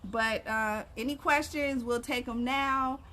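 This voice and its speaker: A woman's voice: on the high side, fairly even intonation, takes it slowly, pushed and bright. A woman co-hosting a relationship livestream from the backyard, giving conversational advice and posing rhetorical questions. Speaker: co-host of a relationship ministry livestream. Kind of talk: casual advice chat. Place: outdoors in a backyard. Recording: some background noise, outdoor livestream.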